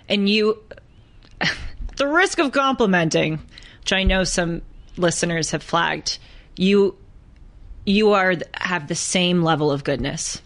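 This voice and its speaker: A woman co-hosting a podcast, telling a story in an earnest, halting way. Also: on the low side, a bit bright. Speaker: podcast co-host. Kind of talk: casual podcast conversation.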